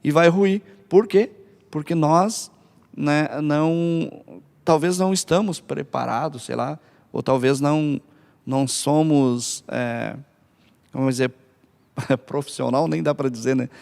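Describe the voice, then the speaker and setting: A man's voice: medium pitch, creaky, darkish tone. A man from Brazil on a church family-ministry podcast, talking in a hesitant way with many fillers and restarts. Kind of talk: casual church podcast talk.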